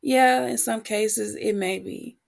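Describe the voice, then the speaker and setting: Recovering from a cold, a woman motivational coach talks reflectively and candidly on her solo podcast in a husky voice that tends to crack. Her pitch is fairly high with fairly even intonation, and she speaks slowly, pausing between short phrases.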